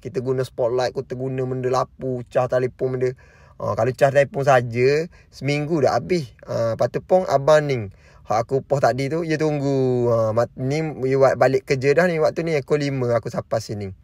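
A man's voice: medium pitch, a little fast, darkish tone, dry recording. A man narrating his camping vlog in a rambling, casual way, often stringing thoughts together with "and then". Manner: rambling, repeats "lepas tu pun" often. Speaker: vlogger.

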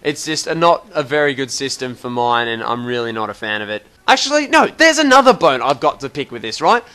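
A man's voice: medium pitch, big pitch swings, fairly quick, pushed and bright, clear, resonant tone. A young Australian man giving a rambling, casual walkthrough of a game menu, chatty and mildly exasperated. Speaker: gaming video host. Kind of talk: casual game tutorial commentary.

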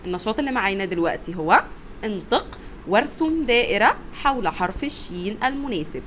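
A young woman teacher with an Egyptian Arabic accent, teaching letters to small children, encouraging and stretching each sound out slowly. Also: medium pitch, very animated, fairly bright tone, a little hiss or hum. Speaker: kindergarten teacher.

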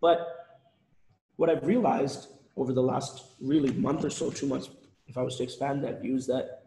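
A man's voice: mid-range voice, fairly even intonation, moderate pace, warm tone. A man presenting on a live webinar, losing his voice, rambling with frequent restarts and repeated words. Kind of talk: casual live webinar talk. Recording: roomy echoey sound.

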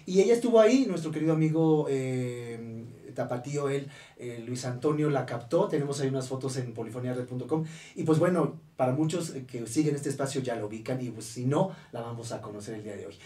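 A man hosts a radio interview from a studio booth, heard off-mic and roomy through a studio boom mic at a distance. His voice is medium-pitched with a dark tone, and he fills his speech with lots of "eh" pauses.

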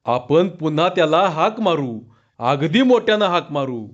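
A rural village man calls out in long, drawn-out shouts, voiced by a male storyteller. His voice sits fairly high. The recording sounds dull and lo-fi. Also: expressive. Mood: plain, earnest.

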